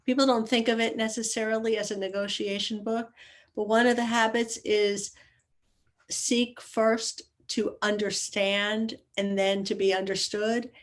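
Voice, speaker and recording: A woman who is a lawyer, joining an online group and explaining her view in a measured way. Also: a little high, level tone. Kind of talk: casual chat.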